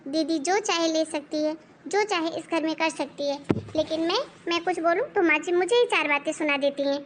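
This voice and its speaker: A woman's voice: very high-pitched, a bit bright, a little hiss or hum. A woman voicing a touchy young daughter-in-law who complains that she is always passed over. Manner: complaining, aggrieved.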